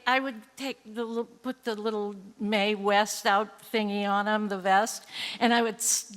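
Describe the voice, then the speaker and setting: A woman's voice: a little high, a bit bright, big-room sound. An older woman telling a true story live on stage, wry and laughing, often correcting herself mid-sentence. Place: theater stage before an audience.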